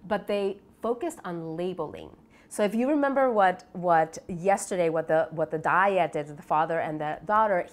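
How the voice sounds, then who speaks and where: Here a researcher in developmental psychology from Lima, Peru, answers interview questions with explanations. Her voice is lower-pitched and reflective, her pace halting, and she regularly seeks agreement through tag questions.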